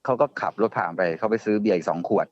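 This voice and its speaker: Man telling a ghost story, casual, halting, repeats himself, dull lo-fi dry sound. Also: on the low side, no room sound. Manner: halting, repeats words and restarts often. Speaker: guest storyteller.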